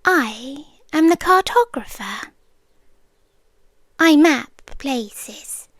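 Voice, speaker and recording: In an ASMR roleplay, a woman with a high, soft British voice acts as an otherworldly keeper of maps, whimsical and knowing. She speaks extremely slowly and deliberately, musing with dramatic pauses and often sinking into a breathy whisper, in a hushed, mysterious, expressive, heavily acted performance. The recording is close and dry.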